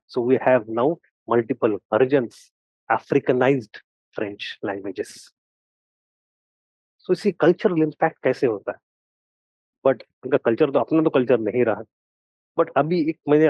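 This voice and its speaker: A man with an Indian accent giving a history lecture, switching languages mid-sentence and slowing down to stress key points. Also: medium pitch, no room sound. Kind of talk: classroom lecture. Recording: dull, dry sound.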